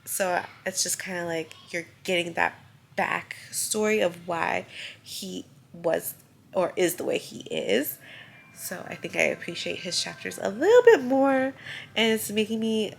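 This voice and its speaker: Talking through her reading in a loose, chatty vlog packed with "like," this young book vlogger sounds congested and stuffy. Her voice is on the low side, expressive, a little slow, with vocal fry, and there's slight background noise.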